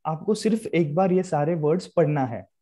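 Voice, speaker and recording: Hindi-speaking male grammar teacher, dark voice. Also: on the high side, moderate pace. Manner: explains in Hindi mixed with English, repeats key terms. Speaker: online English grammar teacher. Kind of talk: live online lecture.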